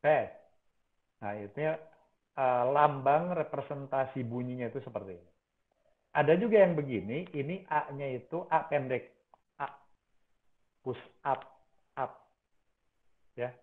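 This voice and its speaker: A man's voice: medium pitch, a little slow, pauses often. A male university lecturer, explaining phonology and repeating example words over and over. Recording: tinny phone-like sound.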